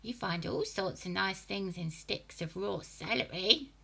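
A wicked old grandma hag for a storybook: husky, throaty whisper, slow, relishing menace. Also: female voice, pushed and bright, exaggerated voice. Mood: gloating. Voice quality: high, creaky, whispery and throaty. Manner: slow, gloating, relishing each word.

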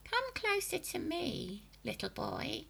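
A woman voicing a nasty old grandmother, a menacing witchlike hag with a high, creaky, whispery and throaty voice, who talks slowly and gloats over every word. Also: huge pitch swings, pushed and bright, heavily acted. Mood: coaxing. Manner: slow, gloating, relishing each word.

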